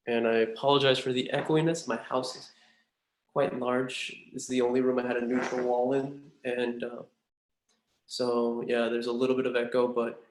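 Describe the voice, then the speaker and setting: Flat-voiced young man in a big echoey room. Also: medium pitch. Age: young adult. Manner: earnest, with frequent um and uh. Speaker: medical school applicant. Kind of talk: mock admissions interview answers. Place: large room at home with a bare wall. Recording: echoey room in a large house.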